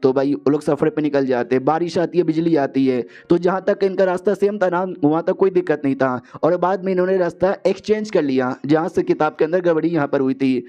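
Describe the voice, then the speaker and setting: A man's voice: on the high side, brisk, few pauses, mellow. A man narrating a story recap in a casual, slangy, rambling way, leaning heavily on filler words, on a dull, lo-fi voiceover recording.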